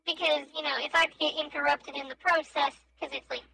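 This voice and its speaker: Woman, tabletop player, high pitch, bright gravelly voice, faint hum behind. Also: steady tone, rough recording. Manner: playful, chiming in with quick jokes. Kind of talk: casual tabletop game chat. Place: home streaming setup.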